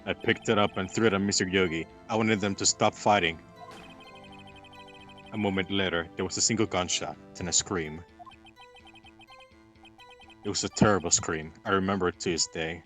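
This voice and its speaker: A man's voice: low voice, fairly even intonation, moderate pace, long pauses, a bit bright. A man voicing a composed young male attorney, reading his story plainly in a fan reading over a game. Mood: recounting. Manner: plain reading, breaks into laughs. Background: game music.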